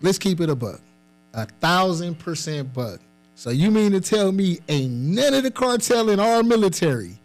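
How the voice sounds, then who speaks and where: A man with a high-pitched voice talks in a casual group debate. He leans on slang and repeats phrases for emphasis. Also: sing-song, normal speed.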